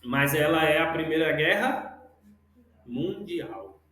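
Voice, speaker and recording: A male teacher leads a classroom lesson in a very echoey room. He talks slowly and patiently, saying words over and over so the students can copy them. His voice sits a little high for a man. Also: animated, sharp tone. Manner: slow, repeats words to model pronunciation. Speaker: English teacher.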